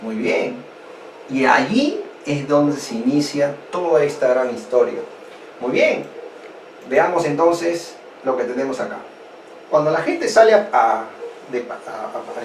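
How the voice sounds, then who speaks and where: A man from Peru teaching a history lesson online, asking his students rhetorical questions in an animated way. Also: on the high side. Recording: echoey room, distant mic, faint noise.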